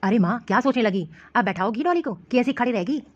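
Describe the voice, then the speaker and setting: A woman voicing a bossy, dismissive young husband and son in an animated cartoon. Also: on the high side, fast. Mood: casual. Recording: dry, dull lo-fi audio.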